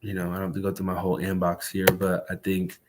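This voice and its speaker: A man's voice: low voice, monotone, fast, heavy background noise. A man hosting his podcast, chatting casually on a livestream with a stuffed-up nose, rambling loosely and dropping swear words and slang. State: congested nose. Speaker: podcast host.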